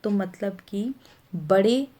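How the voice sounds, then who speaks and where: Woman teacher, slow careful lesson, warm low-key tone, repeats and spells out sounds. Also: lively intonation. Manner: patient, repeats and spells out letters, small self-corrections. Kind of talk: Hindi grammar lesson for young pupils.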